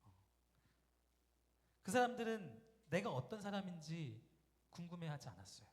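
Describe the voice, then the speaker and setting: A man preaching in a church sanctuary, telling stories in a relaxed, conversational way and often putting questions to the congregation. His voice sits a little higher than most men's. A long reverb trails behind every phrase, as in a big hall. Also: normal speed. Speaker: guest pastor. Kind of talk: storytelling sermon. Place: church sanctuary during a Sunday service.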